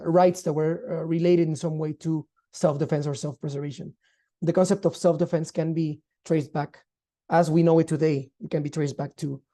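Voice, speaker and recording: Very dark-voiced man lecturing. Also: on the high side. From Guatemala. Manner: measured, formal, explanatory. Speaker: law lecturer. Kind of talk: online lecture.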